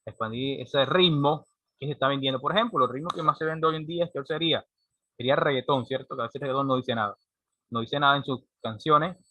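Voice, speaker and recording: A man's voice: medium pitch, quick pace, sharp tone, no room sound. A man, giving a classroom lecture and often checking in with a rhetorical "right?". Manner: explanatory, frequent rhetorical "¿cierto?" checks. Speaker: teacher.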